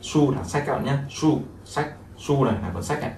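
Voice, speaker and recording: A man's voice: mid-range voice, a little fast, darkish tone. A man, teaching a language lesson and explaining each phrase over and over with many fillers. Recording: echoey room, mic at a distance, faint noise.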